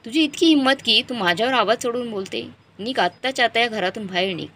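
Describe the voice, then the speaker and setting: A woman voicing an angry, scornful middle-aged husband who shouts at his wife and daughter. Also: fairly high pitch, fast, slight background noise.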